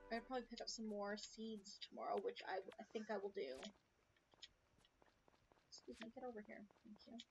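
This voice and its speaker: A woman giving casual commentary on her own farming game stream, chatting to herself with muttered asides. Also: fairly high pitch. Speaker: let's play streamer. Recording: slightly dull stream audio, faint hiss.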